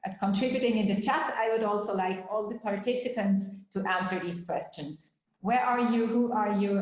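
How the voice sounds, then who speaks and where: A woman's voice: medium pitch, darkish tone. A woman moderates an online workshop over a video call, walking people through the steps with plenty of um fillers. Her voice sits in a roomy space, and the audio is a little dull. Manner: orderly, explains steps with frequent um fillers.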